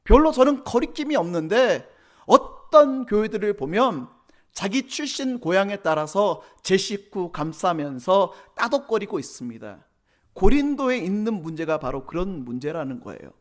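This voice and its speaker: A Korean male pastor with a high voice preaches a Sunday sermon to young adults in a church sanctuary, speaking at normal speed with great animation. He teases the congregation with questions and imitates church members in altered voices.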